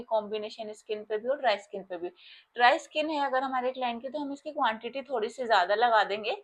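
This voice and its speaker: Indian woman touring her makeup kit. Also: a little high. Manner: explains step by step, addresses viewers directly. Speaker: makeup artist. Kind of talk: casual product walkthrough.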